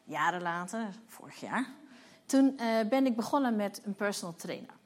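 Here a church leader in her fifties shares her personal testimony as a sermon, bringing the story to life and performing the dialogue. Her voice is medium-pitched and expressive, at a moderate pace.

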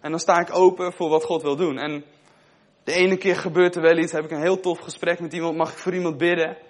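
Young guy giving a sermon, chatty storytelling, bit higher voice than most men. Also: level tone, fairly quick. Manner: conversational, asks the listeners questions. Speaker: preacher.

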